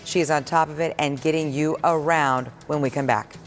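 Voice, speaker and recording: A woman's voice: low voice, steady tone, moderate pace, faint music behind. An American woman presenting morning television news as an anchor.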